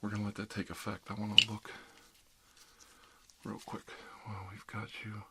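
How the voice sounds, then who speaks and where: A man plays a calm, reassuring dentist treating an undead patient in an ASMR roleplay, murmuring a one-sided dialogue that often drops to a whisper. His voice is on the low side, moderately paced, and close to everyday speech, with a gentle, focused mood. Background noise and clicks are clearly audible.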